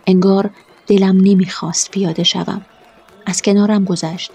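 A woman narrating a first-person story in a quiet, measured way. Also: medium pitch, flat delivery, husky.

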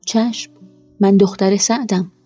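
Husky, mellow-voiced woman narrating. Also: medium pitch, fairly even intonation, soft background music. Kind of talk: scripted narration of a first-person story.

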